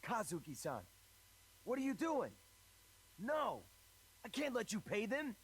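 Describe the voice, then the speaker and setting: Casting: hot-headed young game character, impassioned anime-hero style, very lively intonation. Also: male voice, high voice, a little slow, a little hiss or hum, exaggerated voice, poor audio. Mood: pleading, indignant. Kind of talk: English video game dub acting.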